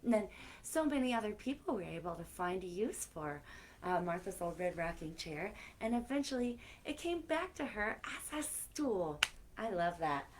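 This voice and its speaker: At a medium pitch with big swings, a woman reads aloud expressively to young children at normal speed, turning to talk with them in chatty asides. There is slight background noise.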